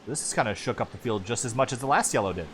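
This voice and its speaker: A man calling sim racing play-by-play as lead commentator, quick and building excitement during the action. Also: mid-range voice, slight background noise.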